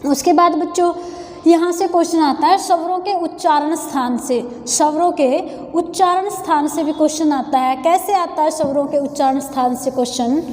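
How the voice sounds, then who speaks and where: A woman with a Haryanvi Hindi accent leads an exam-prep grammar lesson, speaking high with a mellow tone. She drills each term by repeating it slowly for her students. The room rings with a long, echoey reverb. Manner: addresses students as children, repeats key terms slowly. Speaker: teacher.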